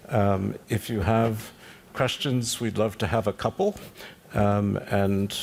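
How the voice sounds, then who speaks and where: A male moderator speaks in a low voice with a gravelly edge. He stays relaxed as he steers the conversation and opens the floor to questions. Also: slight background noise. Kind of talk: panel moderation.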